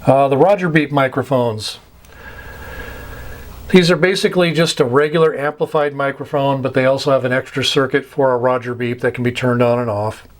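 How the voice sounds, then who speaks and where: An American man working as a radio instructor gives an informal explanatory lecture in a steady, mid-range voice. He speaks deliberately in short, halting phrases, repeating words for emphasis.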